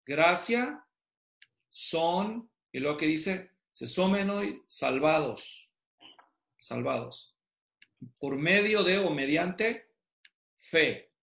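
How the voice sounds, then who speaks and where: A man's voice: on the high side, fairly bright tone, echoey room. A man teaching a Bible study lecture, explaining step by step and quizzing the audience he is speaking to.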